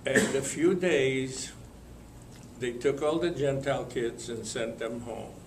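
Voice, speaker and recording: An older man from Lithuania, telling his life story to an audience in a slow, halting way with many pauses and fillers. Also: medium pitch, steady tone, roomy sound, a little hiss or hum. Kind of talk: spoken testimony to an audience.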